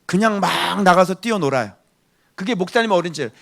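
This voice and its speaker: A middle-aged male pastor preaching a sermon, emphatic, swinging between loud outbursts and hushed asides. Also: high voice, animated, brisk, gravelly.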